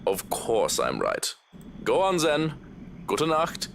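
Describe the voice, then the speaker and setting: A woman's voice: sits low, wildly swooping pitch, slow, creaky, voice pushed down, heavily acted. A woman voicing a stoic, formal male head butler in a visual novel, polite in a clipped, condescending way. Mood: calmly condescending. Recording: faint background noise.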